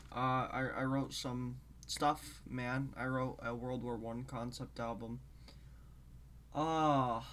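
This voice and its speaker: Rambling, halting man, a bit congested. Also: mid-range voice, a bit bright, a little hiss or hum. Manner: rambling, halting, drifts between topics. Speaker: show host. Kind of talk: casual solo talk to camera.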